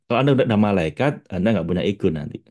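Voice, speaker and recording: A man's voice: deep voice, lively intonation, rapid-fire, darkish tone. A man, giving a casual spiritual talk as a religious teacher, chatty and addressing his audience directly with frequent laughs.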